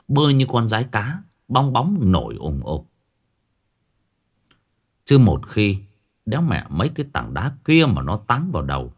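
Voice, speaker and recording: Lively low-voiced male storyteller. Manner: colloquial, earthy storytelling. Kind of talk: comic folk-tale narration.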